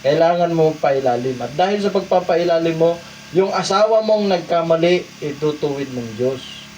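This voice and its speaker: A man from the Philippines preaching a sermon, asking the congregation rhetorical questions and swinging between loud emphasis and quiet asides. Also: fairly high pitch, normal speed, recorded from a distance, highs cut off, slight background noise. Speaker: pastor. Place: church hall.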